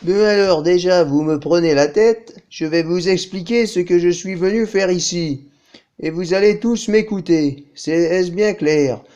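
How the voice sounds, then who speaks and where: A man's voice: high-pitched, a little slow, darkish tone, lo-fi sound. A man playing an indignant, condescending head of state who lectures workers in a parody news sketch. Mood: exasperated, bossy. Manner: haughty, exasperated, lecturing.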